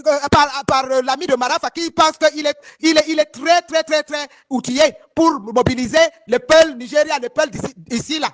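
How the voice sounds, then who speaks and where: A woman from northern Cameroon, giving heated first-person testimony straight to her viewers, emphatic and rambling, often repeating herself and asking if they follow. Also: high voice. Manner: emphatic and rambling, with many repeated words and restarts.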